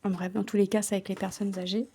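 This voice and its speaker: A woman casually chatting while she works on her cross-stitch, often stumbling over her words and dropping into soft, whispered asides. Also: mid-range voice, level tone, quick pace, a little hiss or hum.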